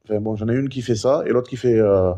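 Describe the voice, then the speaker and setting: A middle-aged man talking casually in a vlog, rambling and chatty with many fillers; one vocal cord is impaired, so he has no high head voice. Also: quick pace, warm tone. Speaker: vlogger recounting his cancer.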